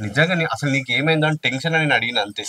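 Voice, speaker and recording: A man's voice: fairly high pitch, racing, bright, forceful tone, slightly rough, no echo. A man acting a worried, apologetic young husband in a short film, soothing and pleading. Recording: distant mic with faint music.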